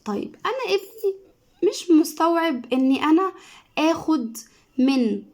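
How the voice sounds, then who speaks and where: A woman's voice: high-pitched, animated, moderate pace, darkish tone. A woman with an Egyptian accent teaching letters to children, stretching and repeating each syllable. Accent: Egyptian Arabic. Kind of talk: reading lesson for children.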